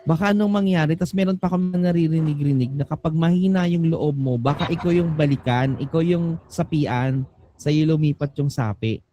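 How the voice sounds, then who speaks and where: A young man telling a ghost story live on stage, dropping to a hush and then jumping up in excitement, with English words mixed in. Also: normal speed, slight background noise. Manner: animated, swings between hushed low and excited high; mixes English into his telling. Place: live music venue.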